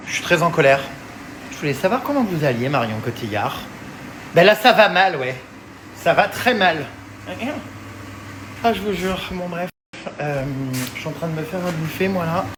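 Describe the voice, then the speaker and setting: A man's voice: fairly high pitch, slight background noise, low-quality recording. A man chatting casually to his viewers from his home kitchen in a vlog. He gets worked up easily, swears freely and vents at length. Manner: excitable, quick to vent and swear, chatty. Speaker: vlogger.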